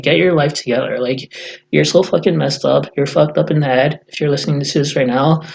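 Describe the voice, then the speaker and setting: A man's voice: medium pitch, vocal fry, a little mellow, lo-fi sound. A man in a casual vlog rant, blunt and profane, rambling with many fillers, who says he has just woken up. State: just woke up. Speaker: YouTuber.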